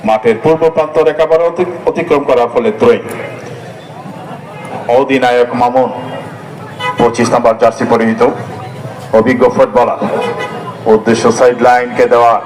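A man giving live play-by-play football commentary, breaking into frantic excitement when play heats up. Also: mid-range voice, normal speed, pauses often, poor audio. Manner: frantic, excited surges during attacks. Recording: crowd noise behind. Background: stadium crowd.

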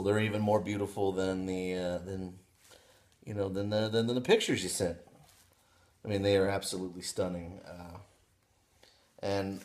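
A man in his thirties chatting casually on his living room couch, showing off pipe bowls with excited, rambling talk full of restarts. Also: sits low, a little hiss or hum. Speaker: pipe hobby vlogger. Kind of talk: casual unboxing vlog.

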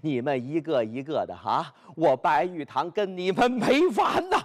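A man performing traditional storytelling, animated and speaking directly to his listeners. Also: a little high, normal speed. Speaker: pingshu storyteller.

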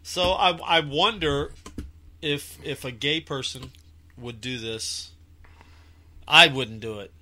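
A man's voice: mid-range voice, takes it slowly, pauses often, pushed and bright, slight background noise. A man co-hosting a show, joking crudely and asking leading questions with frequent laughter. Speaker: podcast host. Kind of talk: crude casual banter.

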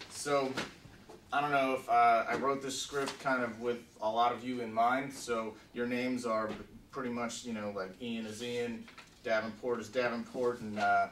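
A man acting as writer-director leads an informal film table read in a meeting room with a conference table, chatting casually, swearing, and reading script directions aloud. His voice is medium-pitched with a fairly bright tone. A distant camera mic picks it up, so the sound is roomy with background noise.

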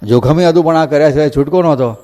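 Mellow-voiced man telling a devotional tale. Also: on the high side, fast. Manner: animated folksy narration, voicing villagers. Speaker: katha storyteller. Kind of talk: devotional storytelling discourse. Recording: echoey hall reverb.

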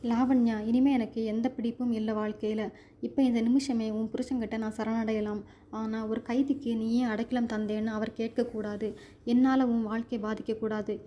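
A man's voice: high-pitched, flat delivery, moderate pace, dull audio, slight background noise, lightly acted. A woman voicing a grieving male escaped convict who talks in a pleading, bitter way. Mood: resigned.

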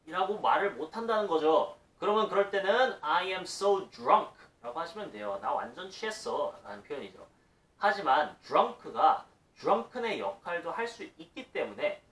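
A man with a Korean accent teaches English in a loose, chatty way, dropping English example phrases into his talk. His fairly high voice swings up and down a great deal. He sounds a little off-mic in an echoey room. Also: fairly bright tone, recorded from a distance. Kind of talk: casual video lesson.

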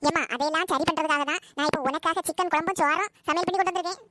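Woman doing a sweet-talking sneaky daughter, really high voice, noisy recording. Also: steady tone, rapid-fire. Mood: coaxing. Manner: wheedling, pleading. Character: coaxing, scheming adult daughter. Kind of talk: comedy skit acting.

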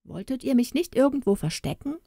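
A woman's voice: high-pitched, very animated, brisk, gravelly, mellow, no room sound, clean studio sound, pitched above the performer's own voice, heavily acted. A woman voicing a weary, polite young male traveler in a fairy tale, pleading.

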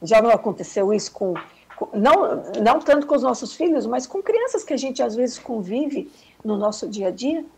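A woman's voice: a little high, very animated, normal speed, breathy edge, low-quality recording. A woman guest on a talk show, telling a reflective story about motherhood in a casual chat over a video call.

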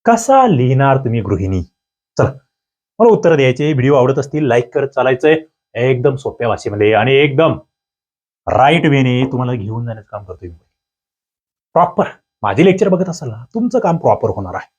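A man teaching an exam-prep grammar lecture, lively and coaxing, asking students for answers. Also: medium pitch, brisk, husky.

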